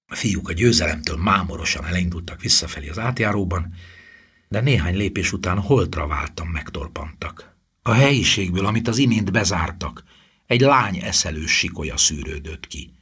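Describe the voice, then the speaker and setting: A man narrates a fantasy adventure in a low, deep voice. His tone is husky and full of breath, and he lets tense passages fall to a near whisper. The reading is steady and scripted. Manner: suspenseful, often dropping to a whisper. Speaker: audiobook narrator.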